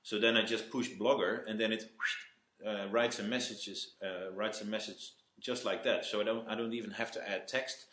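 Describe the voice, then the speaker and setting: A man giving a live webinar talk, halting and restarting words often, with self-deprecating jokes. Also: fairly low pitch, steady tone, a bit bright, reverberant. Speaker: webinar speaker.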